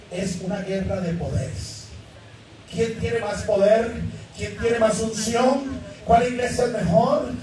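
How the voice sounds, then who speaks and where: A man preaching a sermon as pastor to a congregation, shouting points and joking. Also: very high-pitched, recorded from a distance. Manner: shouting sermon delivery with jokes and acted quotes. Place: church service with congregation. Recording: very echoey church hall, from the mic.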